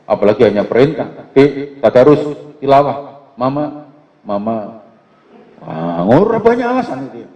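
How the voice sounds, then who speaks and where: A middle-aged man, giving a religious lecture to parents in a joking, lively way that keeps asking for agreement. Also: lowish voice. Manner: joking, lively, asks "ya kan?" often. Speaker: preacher. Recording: echoey hall, dull lo-fi sound.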